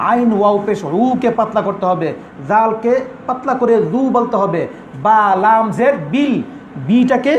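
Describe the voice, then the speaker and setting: High-voiced man teaching recitation. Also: darkish tone. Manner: drills sounds, repeats syllables, checks understanding. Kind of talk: Quran pronunciation class. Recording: echoey room with crowd noise.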